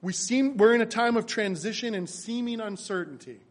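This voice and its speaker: A man with a high, light voice preaches to his church. He surges into loud, emphatic declarations and then falls back to quiet, low pleading. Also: moderate pace. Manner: builds to loud emphatic peaks, then drops soft and low. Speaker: pastor. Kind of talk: sermon.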